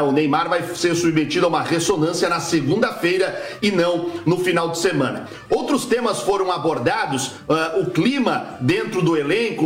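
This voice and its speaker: Man, sports reporter, news package, high voice, echoey room, faint music behind.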